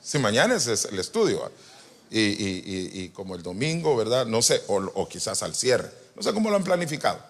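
A man preaching a sermon to pastors, animated and joking with the congregation, swinging from loud to soft. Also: lowish voice, normal speed. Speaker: apostle preaching. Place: church retreat hall.

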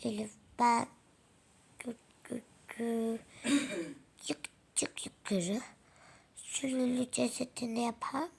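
Woman doing a frail princess, game role-play, husky, gravelly, soft. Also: a little high, fairly even intonation, takes it slowly, pauses often, full character voice. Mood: weak. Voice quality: hushed, husky voice. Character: sick, weak young woman princess, gentle.

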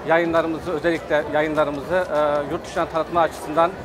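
A middle-aged man giving a trade fair testimonial at his company booth, speaking hesitantly with many filler pauses. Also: a little high, little pitch movement, crowd noise. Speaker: company representative.

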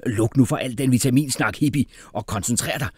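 A man voicing a furious, blustering grown man who shouts and rants. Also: medium pitch, breathy edge, dry recording, studio quality, pitched above the performer's own voice, natural voice. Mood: ranting. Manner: shouting, ranting, hammering questions.

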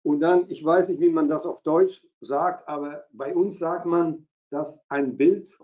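A middle-aged Belgian man with a Flemish-tinged accent talks through a trading strategy on a video call. His voice sits a little high and comes through dull, lo-fi webinar audio. He pauses often with fillers, searching for German words. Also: fairly even intonation. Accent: Belgian Dutch. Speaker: trading presenter. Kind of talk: live webinar presentation.

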